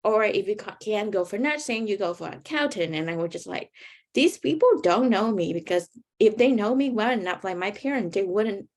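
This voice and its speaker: A woman's voice: mid-range voice, lively intonation, moderate pace, darkish tone. A young woman with a Vietnamese accent, answering as a panelist with earnest storytelling and frequent ums.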